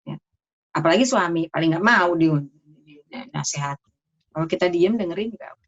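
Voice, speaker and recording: A middle-aged woman doctor giving a casual talk on marriage health to an audience, chatty with lively asides. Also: fairly low pitch, normal speed. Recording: dull lo-fi sound.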